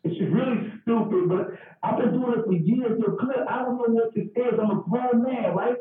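Man, stand-up comedian, casual storytelling, animated, phone-like call audio, distant. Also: very high voice, normal speed, heavy reverb. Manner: animated, acts out voices and dog sounds. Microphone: video call.

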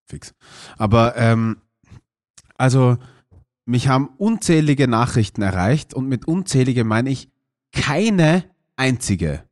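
A man's voice: medium pitch, expressive, slow pace, long pauses. A man co-hosting a casual podcast, complaining dramatically with comic exaggeration. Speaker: podcast co-host.

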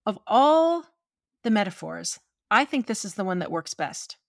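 A woman from gives conversational opinion commentary on film, expressive and opinionated, with wry asides. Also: medium pitch, normal speed, gravelly, no room sound, clean studio sound. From Newfoundland, Canada.

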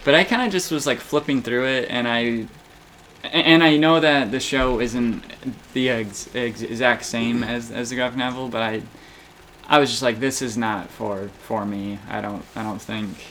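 A man in casual chat, talking haltingly with frequent stammers, restarts and fillers. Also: medium pitch, fairly bright tone, a little hiss or hum.

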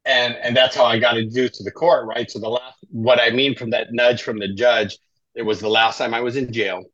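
A middle-aged life coach from Southern California shares his story as an interview guest, speaking a little fast in a steady, mid-range voice with a slightly bright edge. He keeps it conversational, often ending lines with "right?", and the dry recording sounds dull and a bit lo-fi with no room sound.

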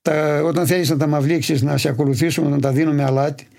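A livestock farmer from Imathia, answering interview questions in detailed, steady storytelling. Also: male voice, fairly high pitch, vocal fry. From Imathia, Greece.

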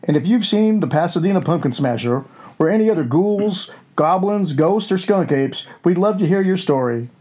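A man's voice: high-pitched, expressive, normal speed, a little mellow. A man playing a gleefully crude wolfman who hosts a campy horror show with hammy, scripted storytelling. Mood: gleeful, ghoulish.

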